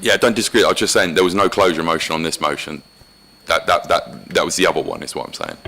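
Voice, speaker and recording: A man's voice: low-pitched, fast, sharp tone. A councillor, a man, moves a motion in a committee debate, speaking plainly and stammering when he is cut off.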